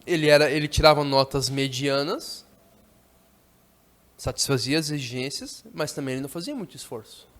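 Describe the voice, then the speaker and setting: A man's voice: fairly high pitch, moderate pace, a bit bright. Brazilian man explaining a book to his class. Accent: Brazilian Portuguese. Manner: explains line by line, keeps checking the class understands; reads passages aloud, then paraphrases them in casual speech. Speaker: teacher leading a literature class. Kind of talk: church teaching class, explaining a novel.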